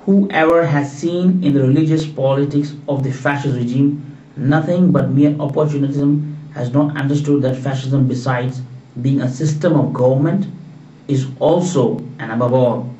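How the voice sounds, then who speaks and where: A man's voice: medium pitch, normal speed, mellow. A man from Pakistan, an author giving an earnest, emphatic, repetitive talk about his book. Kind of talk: earnest solo talk to camera. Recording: roomy, distant, dull recording.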